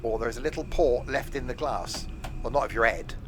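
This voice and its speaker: A man's voice: mid-range voice, fairly quick, music in the background. An English man giving casual, rambling, jokey live commentary while streaming a train simulator, with train game sounds behind him.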